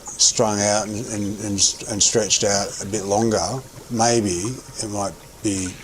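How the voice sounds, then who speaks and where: A man with a fairly low voice talks casually over a livestreamed game, musing aloud and circling back on his words. He chews gum as he goes, and a faint hiss sits under the recording. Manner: rambling, thinking aloud with many restarts; chewing gum while talking. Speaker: game streamer. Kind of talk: casual gameplay commentary.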